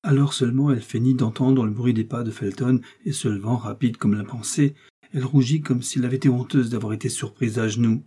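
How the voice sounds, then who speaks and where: Husky dark-voiced man narrating. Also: medium pitch, fairly even intonation, a little fast. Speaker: audiobook narrator. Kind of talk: scripted narration of a classic novel.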